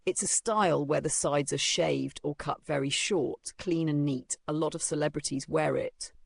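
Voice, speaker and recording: A narrator voicing a polite, professional barber who speaks courteously and smoothly. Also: mid-range voice, moderate pace, dry recording, studio quality.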